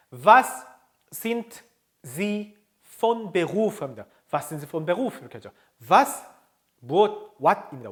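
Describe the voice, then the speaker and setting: A male teacher walks learners through a German lesson in Korean, pausing to model words slowly and asking whether they are with him. His voice sits high and swings widely in pitch. The delivery stays patient and explanatory throughout. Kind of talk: video lesson lecture.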